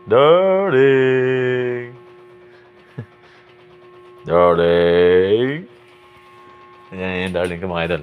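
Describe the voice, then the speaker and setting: A man's voice: deep voice, narrow, tinny audio. A man filming a playful home vlog, teasing and chatty, often stretching his words into sing-song calls. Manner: teasing, playful, repeats "guys" and "idol"; sing-song drawn-out calling. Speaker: vlogger. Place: inside a home.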